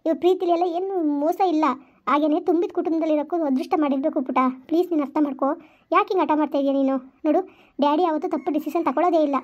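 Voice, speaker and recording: A woman playing a soft, coaxing mother. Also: high voice, steady tone, racing, highs cut off, lightly acted. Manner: soothing, coaxing, lecturing softly. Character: gentle coaxing mother, patient and soothing. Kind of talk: family skit acting.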